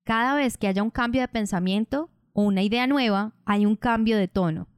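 A woman teaching public speaking on her podcast in a calm, measured, explanatory way. Her voice is smooth and resonant, with a medium pitch. The close mic sounds dry and intimate. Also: dry recording. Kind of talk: instructional podcast narration.

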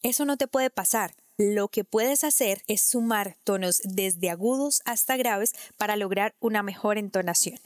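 A woman voice coach explaining technique in a clear, didactic way, speaking straight to the listener. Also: mid-range voice, normal speed, hardly any pauses. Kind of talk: instructional talk to camera.

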